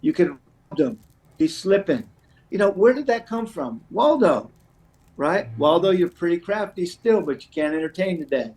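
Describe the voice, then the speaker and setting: A middle-aged man, a recovery counselor, chats as a guest in a conversational interview, sharing personal anecdotes. He rambles and says "you know" a lot, in a high, sing-song, slightly mellow voice at a moderate pace.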